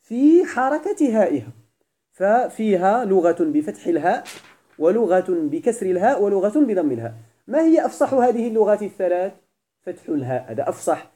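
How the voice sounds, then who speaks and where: A man's voice: sits high, sing-song, brisk, dark tone. A man from Morocco with a Moroccan Arabic accent, teaching a grammar lesson to a class. He explains step by step, repeats his points and keeps checking that everyone has understood.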